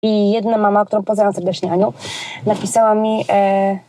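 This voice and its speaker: A woman's voice: medium pitch, little pitch movement, a little fast, mellow. A woman from Poland, a children's entertainer, talking casually in an interview with lots of hesitations and colloquial asides. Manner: chatty and colloquial, frequent hesitations.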